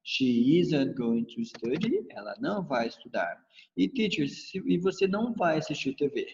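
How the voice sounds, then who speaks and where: A man with a Brazilian accent teaching an English grammar lesson, calling himself teacher and slowly drilling example sentences. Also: a little high, very animated, darkish tone, a little hiss or hum. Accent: Brazilian Portuguese. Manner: calls himself teacher, switches between English and Portuguese, slow drilled examples. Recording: dull lo-fi with long reverb.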